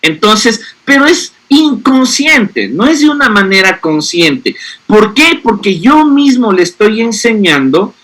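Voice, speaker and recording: A man's voice: high voice, very animated, a little slow, fairly bright tone. A man, explaining parenting to an audience and often checking in with rhetorical questions. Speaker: speaker on a parenting panel.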